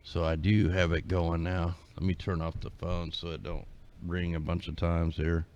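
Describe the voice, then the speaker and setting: A man's voice: low-pitched, little pitch movement, normal speed, a little mellow. A man hosting a live call-in stream, chatting casually and in a laid-back, rambling way. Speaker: call-in livestream host. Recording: dull lo-fi stream audio.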